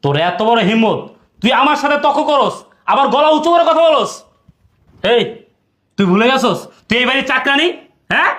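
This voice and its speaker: A man's voice: extremely high pitch, lively intonation, brisk, pauses often, a bit bright, roomy sound. A man playing a stern, domineering rich husband with a harsh, commanding delivery. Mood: angry. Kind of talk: social media skit acting.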